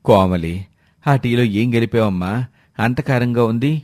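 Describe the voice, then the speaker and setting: A man voicing a good-humoured middle-aged father-in-law who speaks gently and teases his wife, in a storybook. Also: mid-range voice, normal speed, no echo, studio quality, close to an everyday voice. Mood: teasing. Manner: gentle, mildly teasing. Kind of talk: storybook voice acting.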